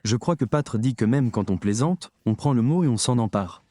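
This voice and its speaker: Emphatic preacher man, dark mellow voice. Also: mid-range voice, expressive, moderate pace, no room sound. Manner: emphatic, addresses the audience directly. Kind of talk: sermon.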